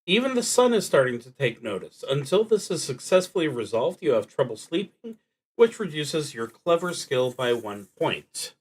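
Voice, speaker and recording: Playing a solo roleplaying game on stream, this man speaks in a slightly high, very animated voice while reading prompts and thinking aloud. He's deliberate and halting, drifting into muttering, and the audio quality is poor.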